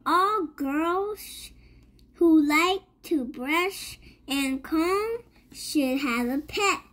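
Sounding out words and frequently repeating them, a young child reads a rhyming picture book aloud at an extremely slow, halting pace. The reader's voice is high with a fairly bright tone.

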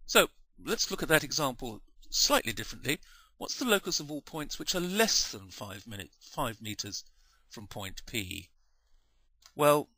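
A man talks through a maths lesson in a patient, measured way, pausing to correct his own slips. His voice is bright and clear. The sound is dry and close, with no room around it. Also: fairly low pitch, no room sound. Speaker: maths teacher. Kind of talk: explaining a maths lesson over diagrams.

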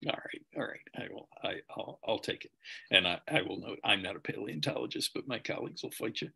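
A man's voice: fairly low pitch, lively intonation, fairly quick, creaky, pushed and bright, husky. A middle-aged man hosting a video Q&A, reading out audience questions with many hesitant ums. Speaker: host. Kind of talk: moderating a video Q&A.

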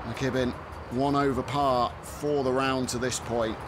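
A man working as a golf commentator, calling highlights of a tournament round. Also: level tone, a little slow, over music.

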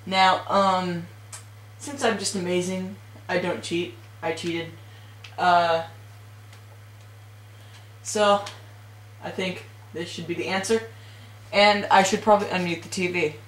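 A man's voice: high voice, little pitch movement, slow, long pauses, fairly bright tone. A man hosting a let's play, giving playful, joking commentary and teasing the game's characters. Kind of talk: gaming commentary. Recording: echoey room with game music behind.

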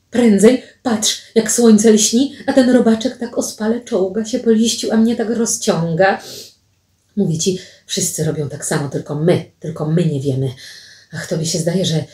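A strange young maiden murmurs in a breathy, coaxing way, slow and mellow, as a woman gives her voice. She sounds far from the mic in a roomy space. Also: medium pitch, lightly acted.

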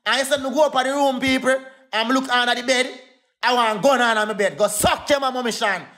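Very high-pitched, pushed, and bright, this man's voice carries a Jamaican Patois accent in a furious phone livestream. He repeats insults again and again, ranting quickly and heatedly.

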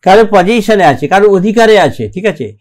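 A man teaching English grammar in a recorded lecture, reading rules aloud slowly and keeping checking that the class follows. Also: high-pitched, expressive, a little mellow. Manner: slow and deliberate, reads English rules aloud, keeps checking "ঠিক আছে?".

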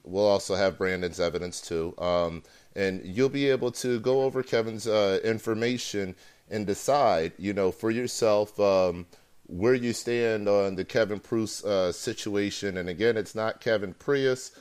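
Male talk-show host, lowish smooth voice, hesitant, full of ums. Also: fairly even intonation, moderate pace, darkish tone. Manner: hesitant, many ums and uhs. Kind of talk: live internet talk show.

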